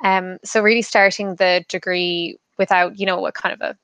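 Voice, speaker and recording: A woman's voice: fairly low pitch, level tone, normal speed, vocal fry, fairly bright tone, clean tone, no echo. A young woman from Kerry with a west of Ireland accent, giving chatty, thoughtful answers as an interview guest. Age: young adult. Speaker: podcast guest, law firm associate.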